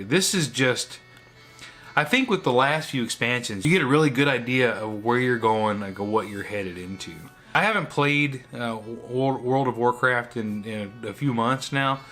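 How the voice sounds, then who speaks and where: An older man hosts a casual reaction video in a bright, forward voice. His pitch sits in the middle range, and he rambles as he thinks aloud. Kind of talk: casual off-the-cuff reaction commentary.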